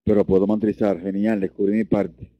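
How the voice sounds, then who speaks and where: A man's voice: level tone, brisk, dry recording, highs cut off. A man teaching a Reiki lesson, earnest, often repeating and restarting his words. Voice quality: deep voice. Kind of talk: online lesson.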